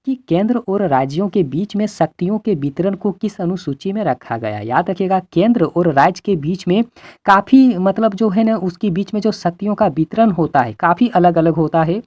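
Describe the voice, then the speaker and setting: A man's voice: high-pitched, a little mellow, no room sound. Earnest male teacher, dry close sound. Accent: Hindi-belt Indian. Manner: earnest, repetitive, pleading. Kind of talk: exam-prep lesson.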